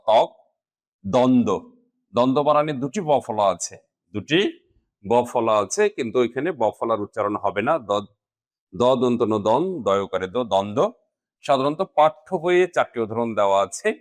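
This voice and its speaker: Slow and deliberate, a medium-pitched man leads a grammar lesson for students, breaking words down and spelling them out bit by bit.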